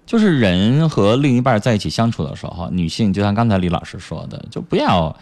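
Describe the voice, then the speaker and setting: A man, hosting a talk show and chiming in with quick, lively reactions. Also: on the low side. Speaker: host. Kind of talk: casual talk show chat.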